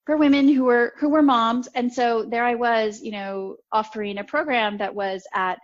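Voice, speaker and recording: A woman coach talking in a casual interview, telling animated stories and laughing often. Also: on the high side, normal speed. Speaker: podcast guest, coach. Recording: slightly dull lo-fi audio.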